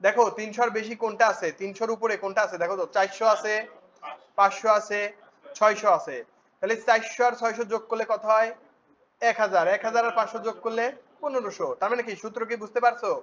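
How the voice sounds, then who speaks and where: A man teaching a spreadsheet class, often asking students quick check questions. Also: sits high, fairly even intonation, a bit bright. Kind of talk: spreadsheet tutorial. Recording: dull lo-fi recording with faint noise.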